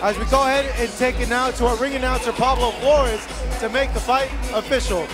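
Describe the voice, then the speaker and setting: A man with a very high, excited voice gives live boxing play-by-play. He projects loudly, often shouting, with crowd and music clearly behind him. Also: a little fast. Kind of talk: live fight commentary. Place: live boxing event in Tijuana.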